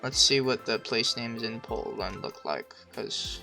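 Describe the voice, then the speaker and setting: Casual male streamer, medium pitch, swears a lot, dithers out loud, yells when excited, faint music behind. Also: a little slow, gravelly. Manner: swears constantly, thinks aloud, second-guesses himself; bursts into loud excited shouts. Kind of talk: casual gameplay commentary.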